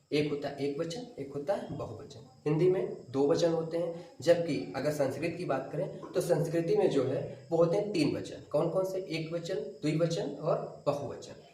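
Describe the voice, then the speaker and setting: A man's voice: on the high side, mellow. Man teaching grammar in an echoey room. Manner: explains step by step, asks and answers own questions. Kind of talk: classroom lecture to exam students. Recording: roomy echo, from far off.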